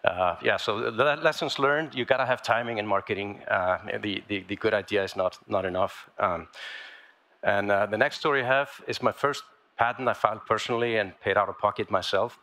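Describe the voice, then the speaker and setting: A man from Iceland giving a conference talk about his inventions on stage in a large lecture hall, speaking haltingly with many fillers and restarts. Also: on the low side, pushed and bright, slight background noise.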